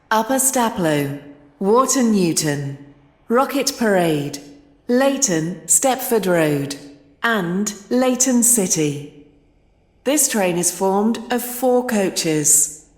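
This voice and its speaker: Slow, echoing woman making train station announcements. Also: medium pitch, darkish tone. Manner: formal, segmented pre-recorded phrases. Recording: echoey station PA, long reverb, ambient noise.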